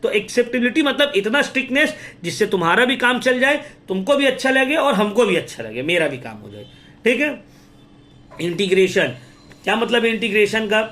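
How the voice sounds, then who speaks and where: A young Indian man teaches an exam-prep class in a high, bright-edged voice. He speaks straight to his students. He mixes in English terms and acts out little classroom scenes. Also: fairly quick. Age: young adult. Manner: lively, talks straight to students with Hinglish terms and acted examples.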